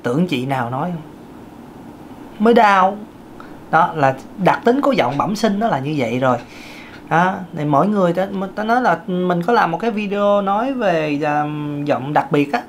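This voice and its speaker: A man with a thin, light voice gives a casual singing lesson, chatting away with lots of fillers and sudden pitch jumps. He sounds expressive and a little fast, with a slight hiss or hum on the recording.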